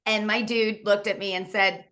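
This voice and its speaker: A woman's voice: medium pitch, level tone, moderate pace, sharp tone. Candid woman in her forties on a video call. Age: 40s. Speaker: author and coach guest. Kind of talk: casual interview on a video call.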